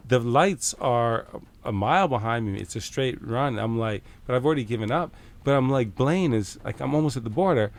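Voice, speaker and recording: A middle-aged Canadian man telling a story as a podcast guest, casual and animated, swearing freely and acting out the back-and-forth. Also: medium pitch, brisk, few pauses. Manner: animated, swears freely, acts out quoted exchanges.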